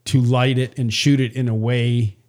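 A man's voice: mid-range voice, flat delivery, moderate pace, a little mellow. A retired photographer, a man, talks in a loose, rambling way. He keeps restarting his sentences and fills them with "you know" and "and, and". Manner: rambling, many restarts and fillers. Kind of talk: casual conversation.

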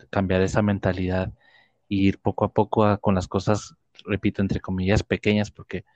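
A man talks in a fairly low, flat-toned voice. He reflects on faith conversationally, explaining patiently through everyday examples. The recording is dry and slightly dull. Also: dry recording. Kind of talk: casual religious reflection in conversation.

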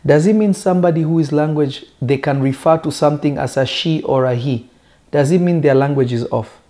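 Speaking with a fairly high pitch and a dark tone, this preacher, a native speaker of Lingala, teaches conversationally. He leans on rhetorical questions and emphatic, deliberate phrasing.

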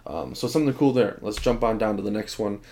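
Casual podcast co-host: young man, slightly low voice, easygoing and chatty. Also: quick pace, a little hiss or hum. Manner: relaxed, rambling, laughs often. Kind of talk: casual sports chat.

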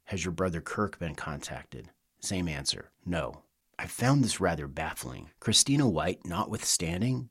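A man's voice: low-pitched, breathy edge. A middle-aged man hosting a podcast, narrating from a script and interviewing people. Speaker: podcast host and author.

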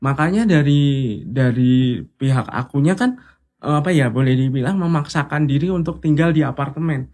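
Husky man telling a story casually. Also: mid-range voice, moderate pace. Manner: animated, acts out quoted voices. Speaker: interview guest.

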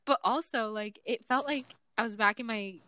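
A young woman co-hosting a podcast, reading a message aloud in a giggly, animated way. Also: on the high side, normal speed. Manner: giggly, animated storytelling with frequent laughs. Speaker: podcast co-host.

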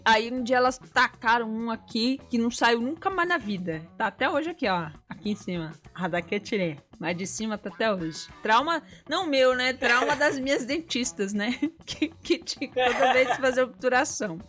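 A woman's voice: on the high side, expressive, moderate pace, a bit bright, faint music behind. A woman co-hosting a podcast, telling childhood stories in casual chat and laughing often as she talks. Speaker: podcast co-host.

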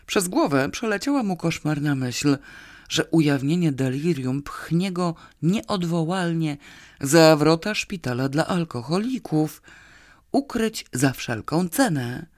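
Slow, measured audiobook reader. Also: medium pitch, no room sound, studio quality. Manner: slow, measured, expressive reading. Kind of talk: audiobook narration.

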